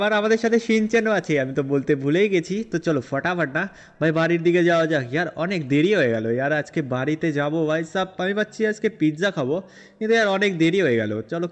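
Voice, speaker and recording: Speaking fast in a high, natural-sounding voice, a gameplay narrator plays the part of a cocky young game hero. He chats and rambles his way through the role-play, repeating fillers as he goes.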